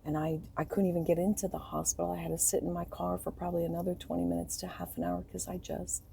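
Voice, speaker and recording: A middle-aged woman telling a personal story to camera in a soft, rambling way, grieving, her voice breaking and trailing off. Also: fairly low pitch, flat delivery, fast, gravelly, slight background noise. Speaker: vlogger.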